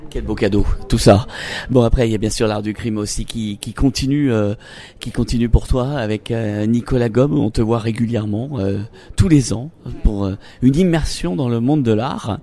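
A man's voice: medium pitch, moderate pace, dark tone. A man hosting a chatty broadcast interview in an effusive, complimentary manner. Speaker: interview host.

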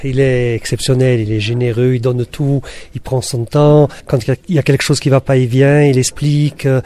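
Acteur à la voix feutrée et chaleureuse. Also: male voice, mid-range voice, little pitch movement, brisk, mellow. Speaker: actor. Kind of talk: press interview.

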